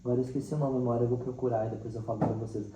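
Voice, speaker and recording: A crowd can be heard behind this man as he races along in a level, medium-pitched voice. He's a teacher from Mato Grosso do Sul, Brazil, with a central-western accent, telling animated, casual stories in an interview and acting out little quotes. The sound is roomy and distant, with faint background noise.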